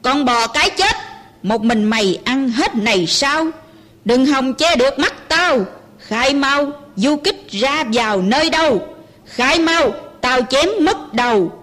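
A woman's voice: high-pitched, lively intonation, takes it slowly, bright, forceful tone, long reverb tail, full character voice. A woman voicing a brutal foreign officer barking threats, recited in verse. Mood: menacing. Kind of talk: poetry recitation.

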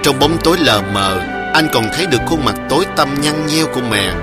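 A man reading a story aloud in a slow, deliberate, emotive way. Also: medium pitch, expressive, over loud music. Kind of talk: scripted story narration.

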